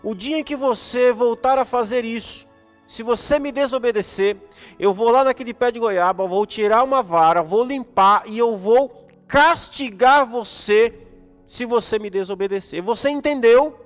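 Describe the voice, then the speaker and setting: Strict, serious mother, played by a man telling a story; high, quiet, firm, echoey hall with music under it. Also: normal speed. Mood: stern. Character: stern, very serious mother scolding her son.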